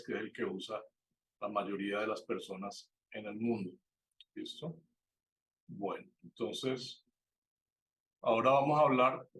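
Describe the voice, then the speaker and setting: A man's voice: mid-range voice, a bit bright, slight background noise. Man teaching a birding class. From Colombia. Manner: explanatory, checks in with "¿listo?"; self-correcting, with fillers and restarts. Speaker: birding course instructor. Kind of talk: online class lecture.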